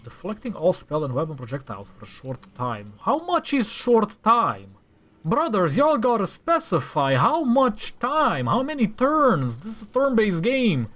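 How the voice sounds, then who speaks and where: Sitting high with huge pitch swings, this somewhat bright, unhurried voice belongs to a gaming-channel host from Romania who speaks Romanian natively. He gives casual commentary while demonstrating a mod, thinking out loud and ranting in exasperation.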